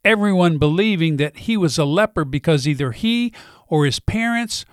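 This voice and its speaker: A middle-aged man, a senior pastor, delivering a sermon in a slow, deliberate way with weighty pauses. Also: fairly high pitch, expressive, dry recording, studio quality.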